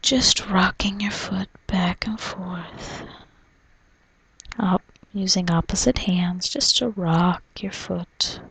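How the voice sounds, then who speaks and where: A woman doing an ASMR role-play as a spa massage therapist, in a soft, soothing, breathy soft voice, narrating gently. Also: medium pitch, takes it slowly, dry recording, poor audio. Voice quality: breathy, mostly unvoiced soft voice. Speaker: reflexologist giving a foot massage.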